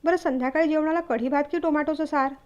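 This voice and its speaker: A woman reading the part of a shy, timid young newlywed wife who speaks hesitantly and quietly. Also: sits high, steady tone, quick pace, dull audio, close to an everyday voice.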